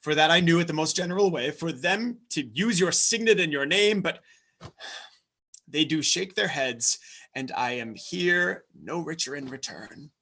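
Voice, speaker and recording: Man as a loyal, fretful steward in a stage play: bright, earnest, pleading verse. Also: on the high side, animated, moderate pace, exaggerated voice. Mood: rueful. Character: loyal worried steward of a lord. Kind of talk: live online reading of a stage play. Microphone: home microphone on a video call.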